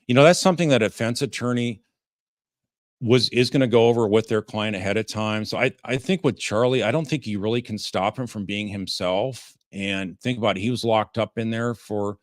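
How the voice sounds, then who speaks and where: A man with a fairly low voice gives informal legal commentary as a livestream host. His delivery is halting and rambling, and the sound is dry and close. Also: dry recording. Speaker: host, defense lawyer commenting on a trial.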